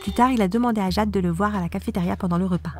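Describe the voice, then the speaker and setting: A woman reading a first-person animated story in a scripted, dramatic way. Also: medium pitch, very fast, faint music behind.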